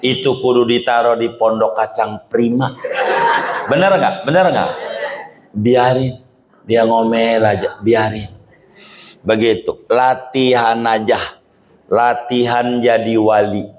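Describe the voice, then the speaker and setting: A man's voice: mid-range voice, steady tone, takes it slowly, long pauses, slight background noise. A man giving a joking, colloquial Islamic study sermon to a gathering. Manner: joking, colloquial Jakarta slang. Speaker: religious teacher.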